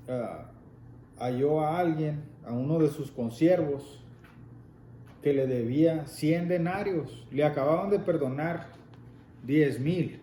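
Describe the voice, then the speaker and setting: A man's voice: a little high, dark tone. A man leading a Spanish Bible class, explaining scripture and prompting a reader to continue. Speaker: Bible teacher. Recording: echoey room with faint noise.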